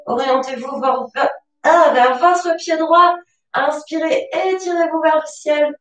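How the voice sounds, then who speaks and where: Calm high-voiced woman guiding yoga. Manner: slow, calm spoken cues with pauses. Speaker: yoga teacher. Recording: roomy, from a distance. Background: soft music.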